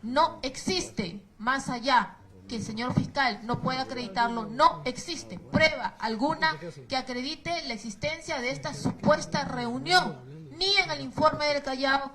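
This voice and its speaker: A woman's voice: high voice, a little slow, a bit bright, low-quality recording. A woman defense lawyer with a Peruvian Spanish accent, arguing formally in a courtroom and laying out her points one by one with insistence.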